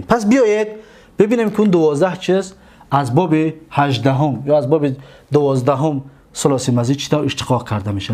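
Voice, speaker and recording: High-voiced Tajik-accented man teaching grammar. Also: darkish tone. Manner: draws out example words slowly, repeats points patiently. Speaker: religious seminary teacher. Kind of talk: classroom lesson on Arabic grammar.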